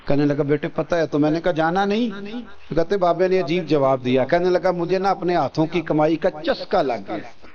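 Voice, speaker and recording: A man's voice: a little mellow, lo-fi sound. A male preacher with a Pakistani Urdu accent telling stories in a Friday sermon, calling on the congregation to pay attention and acting out voices. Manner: asks the crowd for attention and responses; acts out story voices in shifting pitch.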